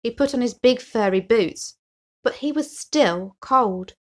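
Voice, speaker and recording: A woman reads a children's picture book aloud as an expressive storyteller, her voice a little high and her pace a little slow.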